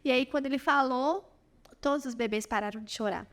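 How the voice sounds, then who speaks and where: High-voiced woman giving testimony. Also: brisk. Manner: earnest storytelling, addresses listeners as "gente". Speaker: podcast guest. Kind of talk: emotional personal testimony.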